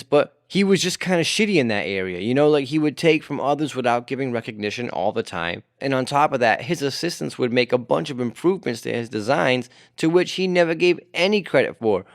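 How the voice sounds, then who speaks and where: A man's voice: mid-range voice, gravelly, no echo, clean studio sound. A man hosting a casual history podcast, talking conversationally with lots of swearing and "you know" fillers. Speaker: podcast host.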